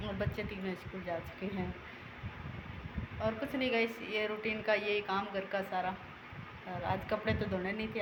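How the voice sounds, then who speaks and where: Chatty village mom vlogging on a phone. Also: female voice, mid-range voice, roomy sound. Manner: chatty, addresses viewers as guys. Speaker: vlogger, mother. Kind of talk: casual home vlog. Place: village home rooftop and rooms. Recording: noisy phone recording.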